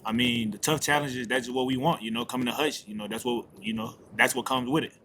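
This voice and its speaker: A man's voice: mid-range voice, steady tone, a little fast, fairly bright tone, a little hiss or hum. A young man, a college football player, answering casually in a post-game interview in short, plain, colloquial phrases. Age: young adult.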